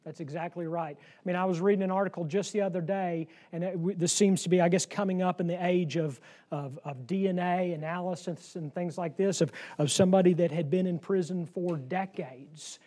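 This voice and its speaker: A man teaching a Bible class, lively and playful, who laughs easily as he works through verses. His voice sits high, with a soft, mellow tone. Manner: lively, joking, quick to laugh. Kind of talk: interactive Bible lesson. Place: room with a class.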